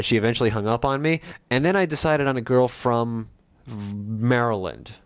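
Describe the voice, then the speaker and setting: A man's voice: mid-range voice, no echo. A man with a nasal voice, talking casually and self-deprecatingly as he films his own making-of video diary. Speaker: amateur filmmaker.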